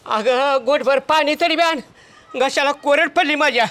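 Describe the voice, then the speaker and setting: A man's voice: very high voice, normal speed, fairly bright tone. An actor playing a grumbling, hungry old village farmer who scolds his wife. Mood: weary. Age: older. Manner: scolding, complaining. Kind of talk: village comedy acting.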